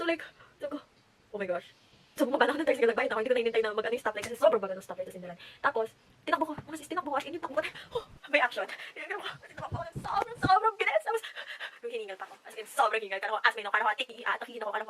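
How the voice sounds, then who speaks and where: Teen girl vlogger with a slightly high voice, talks very fast, animated. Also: low-quality recording. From Philippines. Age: late teens. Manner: chatty, animated, mixes English into Tagalog. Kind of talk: casual storytelling vlog. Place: at home.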